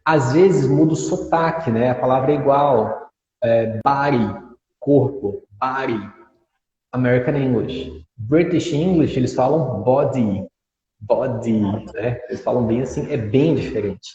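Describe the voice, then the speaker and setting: A man's voice: medium pitch, measured pace, warm tone. A man, an English teacher in an interview, patiently explaining and modelling pronunciations. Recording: dull audio in an echoey room with long reverb.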